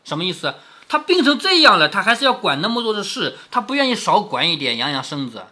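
Male narrator-commentator, reads to his child, explains as he goes. Bright, lively tone. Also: sits high, fast talker. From southern Jiangsu, China. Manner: explanatory, chatty asides. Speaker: father reading a novel aloud to his daughter. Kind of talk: storytelling with commentary.

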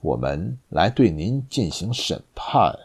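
A man's voice: lowish voice, measured pace, gravelly, breathy edge, full character voice. A man doing a cold, composed musketeer. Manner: cold, calm and controlled.

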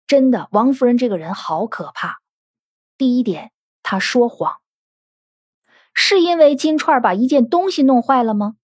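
A woman talks through a classic novel in podcast commentary, pressing her points with one rhetorical question after another. Her voice sits fairly high and has a breathy edge. The sound is close and dry, with no room around it. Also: animated, normal speed, darkish tone, no room sound. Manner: analytical, full of rhetorical questions. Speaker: literature commentator.

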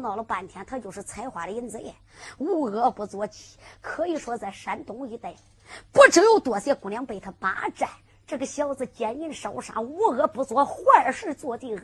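A woman's voice: on the high side, breathy edge. A woman storyteller, narrating dramatically in a half-spoken, half-sung folk storytelling style. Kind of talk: Henan zhuizi sung storytelling.

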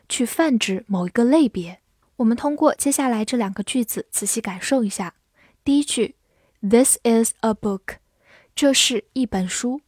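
A woman teaching English vocabulary and grammar, reading example sentences slowly and carefully. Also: fairly high pitch, a little mellow, no echo, clean studio sound. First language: Chinese. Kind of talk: scripted English lesson.

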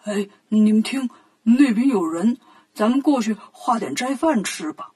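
A woman's voice: a little high, animated, measured pace, warm tone, slightly rough, heavily acted. A woman voicing a greedy, boastful male pig-monk disciple in a children's story, with a folksy drawl.

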